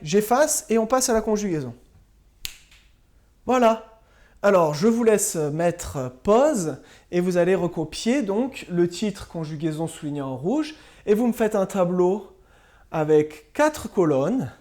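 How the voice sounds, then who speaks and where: A woman teacher giving a slow, patient spelling and grammar lesson to young pupils, spelling words out letter by letter. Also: lowish voice, lively intonation, a little mellow. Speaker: primary school teacher.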